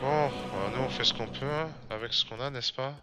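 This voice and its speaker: Streaming a game, a man chats casually at a normal pace in a mid-range voice, stumbling through fillers and restarts. Loud game music runs underneath his commentary.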